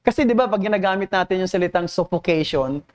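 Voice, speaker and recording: A man's voice: sits high, expressive, fast talker, clean tone. A man with a Filipino accent preaching a sermon as pastor. He mixes Tagalog and English and keeps asking the congregation rhetorical questions in an earnest, teacherly way. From Philippines.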